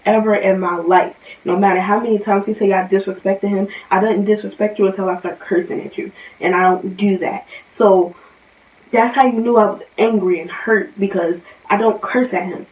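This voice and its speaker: A woman's voice: mid-range voice, fairly even intonation, moderate pace, a little mellow. A young woman from New Jersey telling a storytime vlog, heated and rambling, often repeating herself. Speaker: vlogger. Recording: roomy, distant, dull sound.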